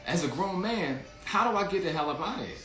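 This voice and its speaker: A man's voice: fairly high pitch, animated, quick pace, a bit bright, roomy sound, faint music behind. A man hosting a casual livestream, telling a rambling story full of slang and restarts while greeting viewers in the chat. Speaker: livestream host.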